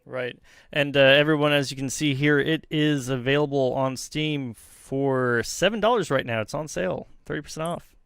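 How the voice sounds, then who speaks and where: A man's voice: mid-range voice, vocal fry, fairly bright tone, clean tone, dry recording, studio quality. A man hosting a casual interview, chatty and a bit apologetic. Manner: chatty, apologetic, quick laughs. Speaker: host.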